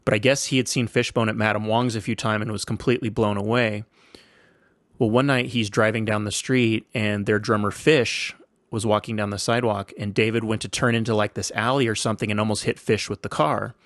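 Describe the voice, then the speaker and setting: A man in his forties with a low, gravelly voice, telling stories in a laid-back, slangy, rambling way. He sounds dry and close, as if recorded in a small room. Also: level tone, fairly quick, fairly bright tone, no echo. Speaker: podcast host. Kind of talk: casual storytelling monologue.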